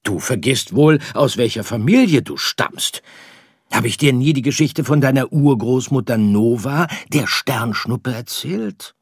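A man reading an audiobook, voicing a calm, comforting father star. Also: medium pitch, measured pace, slightly rough, no echo, studio quality, voice pushed up. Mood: soothing. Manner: soothing.

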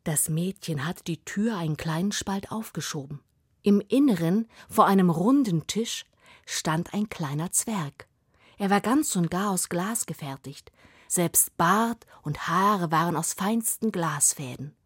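A woman telling a fairy tale aloud, slow and expressive, sometimes dropping to a whisper. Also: on the low side, husky, no room sound, studio quality. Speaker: storyteller.

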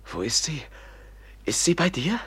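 A gentle, vulnerable prince in a classic radio play. His breathy, husky voice is earnest and anxious, halting as he pleads. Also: on the high side, very animated, exaggerated voice. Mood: searching, anxious. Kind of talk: German literary radio drama acting.

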